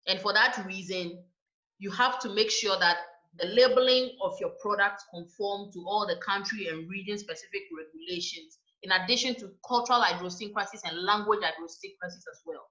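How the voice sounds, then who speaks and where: Woman lecturer, bright tense voice, measured and explanatory, echoey lecture room, dull lo-fi sound. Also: mid-range voice. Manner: measured, explanatory, ends points with "right?". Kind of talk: university lecture.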